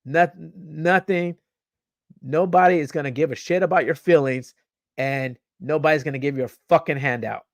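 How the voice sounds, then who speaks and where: A man's voice: fairly high pitch, normal speed, vocal fry, no echo, studio quality. A young man hosting a podcast, reading news aloud and ranting about it, stumbling over words, repeating himself and swearing as he gets heated. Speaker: podcast host.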